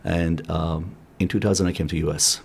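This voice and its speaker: Low gravelly man, Armenian native speaker. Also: steady tone, darkish tone. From Iran. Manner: earnest, reflective, halting with fillers. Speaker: guest, company CEO. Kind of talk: interview conversation.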